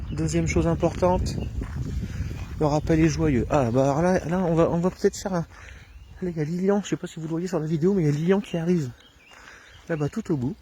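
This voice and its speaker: Relaxed man teaching outdoors. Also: fairly high pitch, slight background noise. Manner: relaxed, hesitant with many fillers, addressing viewers directly. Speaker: dog trainer. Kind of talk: outdoor training tutorial. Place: rural path outdoors. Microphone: camera filming alone, held himself.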